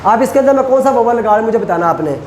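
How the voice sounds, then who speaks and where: A male lecturer who teaches Chinese pronunciation, repeats syllables slowly and quizzes his students. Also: very high voice, expressive, a little mellow. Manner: asks students questions. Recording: echoey room, faint ambient noise.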